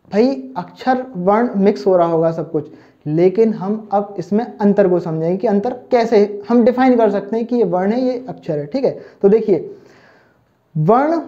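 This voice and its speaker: A man's voice: sits high, warm tone. A man teaching an online lesson for exam preparation, who keeps asking whether students have understood and calls them children. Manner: keeps checking understanding with "thik hai" and "samajh mein aaya na"; addresses students fondly as children. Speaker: Hindi teacher. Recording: dull, muffled lo-fi recording.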